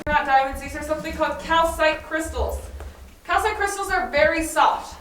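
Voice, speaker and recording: A woman's voice: sits high, normal speed. A woman cave tour guide explaining things to a group of visitors, her voice carrying a cave echo as she is recorded from some distance inside a show cave. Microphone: vlogger's camera from a distance. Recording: echoey cave, voice from far off, with background noise.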